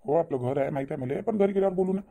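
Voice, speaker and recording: A man voicing a sly cheating husband in a cartoon, speaking in a fretful, rapid patter. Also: a little high, creaky, warm tone. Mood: evasive. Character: sly cheating husband, caught between wife and lover. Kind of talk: cartoon voice acting.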